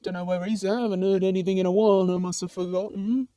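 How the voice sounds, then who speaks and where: Here a woman plays an ordinary, easygoing demon sprawled comfortably in hell, her mid-range voice dark and relaxed yet rapid-fire, lightly acted, with no echo at all. The chatter rambles wryly in everyday phrasing with a mild tease, in the manner of a comic puppet show.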